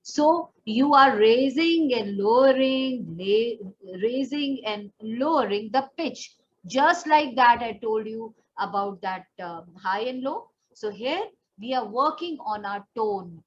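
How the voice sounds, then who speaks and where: Slow and fairly high in pitch, this woman's lively intonation carries a step-by-step voice training lesson. Speaking with an Indian accent, the pageant and personal development coach explains and demonstrates while addressing the learner directly. There's faint background noise on the dull, lo-fi recording.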